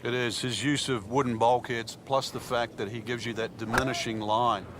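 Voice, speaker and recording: A man working as a golf commentator, giving conversational, explanatory analysis in a measured way. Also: mid-range voice, flat delivery, lightly acted. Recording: outdoor crowd and ambient noise behind. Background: loud crowd, outdoor ambience.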